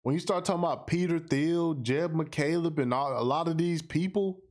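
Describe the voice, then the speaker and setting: An American man hosts a casual livestream podcast, reacting to viewer comments in a monologue that's slangy, emphatic, and full of repeated phrases for effect. His voice is slightly high and a little mellow, at a moderate pace.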